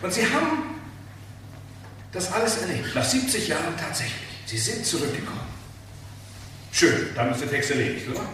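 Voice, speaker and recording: A man preaching a sermon, emphatic and animated, asking the listeners rhetorical questions. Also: on the high side, normal speed, pauses often, recorded from a distance. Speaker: pastor. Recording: very echoey hall, speaker off-mic, faint room noise.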